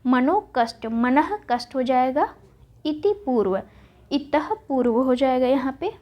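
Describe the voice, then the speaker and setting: A woman's voice: high-pitched, animated, a little slow. A woman leads an online lesson. She reads out wrong and right spellings, asking and then answering her own questions. The sound is somewhat dull and lo-fi. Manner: recites word pairs, asks and answers herself. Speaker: Hindi exam-prep teacher. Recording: dull lo-fi audio.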